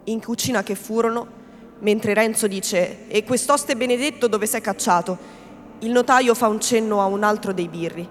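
A woman reading a classic novel aloud in a measured, theatrical storytelling manner. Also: mid-range voice. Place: reading event in a hall. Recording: long hall reverb, faint background noise.

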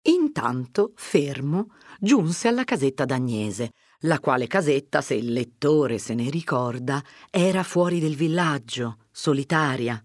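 An audiobook narrator with a mid-range voice reads a classic novel aloud in a measured, even manner, delivering scripted literary narration. The studio sound is clean, with no room sound.

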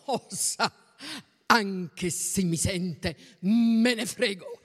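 A reader voicing a blunt, loud older woman who rants indignantly, in a storybook reading. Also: medium pitch, extremely slow. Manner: indignant ranting, shouting. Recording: long reverb.

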